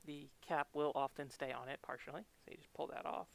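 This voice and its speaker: A man's voice: on the high side, fairly even intonation, a little fast, creaky, slight background noise. A man giving a casual hands-on tutorial as a stream host, his voice muffled through a respirator mask, talking informally and a bit hesitantly while he works.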